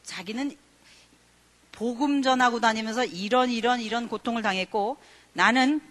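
A woman leads a Bible study lecture with a bright, crisp voice. She explains the passage in an easy, conversational way. She keeps putting rhetorical questions to her listeners. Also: fairly high pitch, normal speed.

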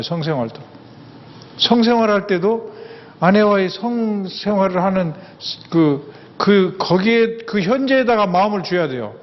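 An older man giving a humorous lecture, folksy and anecdotal, repeating words for emphasis. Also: high voice. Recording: echoey hall, dull sound, faint ambience.

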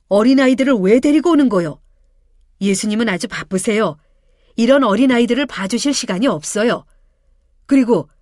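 Woman plays gruff, scolding male disciples, a bit higher and louder, storybook. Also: no room sound, studio quality, lightly acted. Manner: brusque, scolding.

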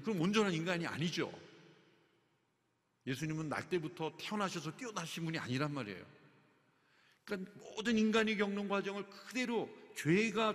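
Man preaching in an echoing hall. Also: a little high. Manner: animated, acts out quoted lines. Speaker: pastor. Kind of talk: sermon. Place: church sanctuary. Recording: long hall reverb.

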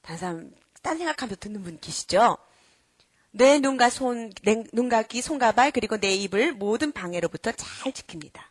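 A middle-aged woman giving a lively lecture to an audience. She quizzes her listeners and acts out children and parents as she goes. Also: a little high, moderate pace, no room sound. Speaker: character-education lecturer.

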